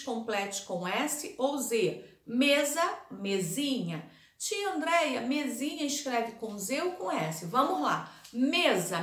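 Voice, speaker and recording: A woman teacher giving a recorded lesson, explaining slowly, repeating words and answering her own questions. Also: sits high, fairly bright tone. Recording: echoey room.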